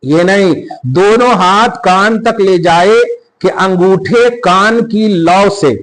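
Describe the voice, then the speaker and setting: A man's voice: high voice, takes it slowly, a bit bright, poor audio. A man explaining religious practice step by step in a podcast, emphatic and checking that the listener understands. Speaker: Islamic scholar teaching prayer. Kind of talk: religious instruction in a podcast conversation.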